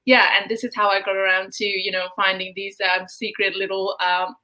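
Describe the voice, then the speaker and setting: A woman's voice: mid-range voice, flat delivery, normal speed, sharp tone, poor audio. A woman in her thirties from Nepal, a travel blogger chatting as an interview guest, full of fillers like you know and um. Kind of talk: casual interview talk.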